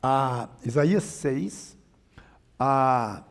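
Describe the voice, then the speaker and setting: Man, Brazilian Portuguese accent, preaching, emphatic, gravelly, reverberant hall. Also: mid-range voice, extremely slow. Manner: emphatic, varies volume and pace, mimics mocking voices. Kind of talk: sermon.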